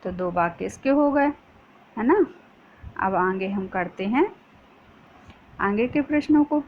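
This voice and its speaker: A woman's voice: mid-range voice, expressive, takes it slowly. A woman teacher explaining a school lesson to young pupils, patient, often asking a question and then answering it herself. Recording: dull lo-fi sound with faint noise.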